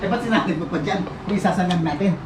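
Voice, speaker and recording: A man's voice: sits high, racing. A man with a Filipino accent hosting a casual food vlog among friends, playful and mixing Tagalog with English. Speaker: vlog host. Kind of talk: casual chat over a meal. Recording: echoey room, far from the mic, noisy.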